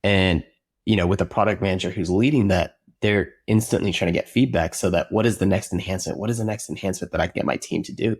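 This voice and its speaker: A man with a fairly low voice talks as an interview guest about building his company. He is earnest and reflective, often circling back with "you know" and restarting his phrases mid-thought. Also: fairly even intonation, fast, a little mellow. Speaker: software company co-founder, guest. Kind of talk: casual conversational interview.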